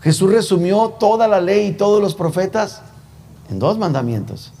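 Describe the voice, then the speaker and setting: Male pastor, chatty sermon, fairly high voice, long church echo. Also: very animated, normal speed, dark tone. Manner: conversational, rhetorical questions, teasing. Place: church sanctuary.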